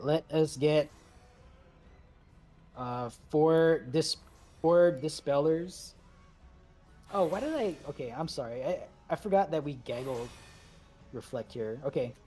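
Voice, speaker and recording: A man leading a game raid, calling out instructions briskly, repeating commands and slipping in joking asides. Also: on the high side, warm tone, soft background music. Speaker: raid leader. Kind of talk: calling instructions over voice chat while gaming.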